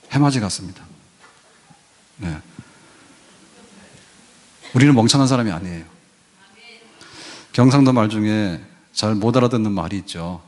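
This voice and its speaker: A man's voice: lowish voice, a little mellow. An older man preaching a sermon as pastor in a church, folksy and conversational, rising to emphatic peaks. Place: church sanctuary.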